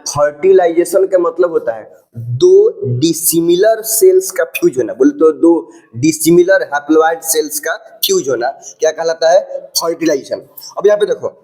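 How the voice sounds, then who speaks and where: A man's voice: fairly high pitch, animated, normal speed, mellow, faint music behind, rough recording. Man teaching biology lesson. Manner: keeps checking if students follow. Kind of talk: classroom lecture at a board.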